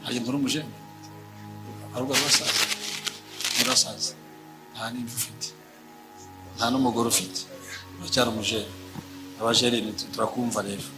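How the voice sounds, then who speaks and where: Male church host, mid-pitched, playful and teasing, loud music underneath. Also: fairly even intonation, fairly quick, long pauses, poor audio. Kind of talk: welcoming a speaker.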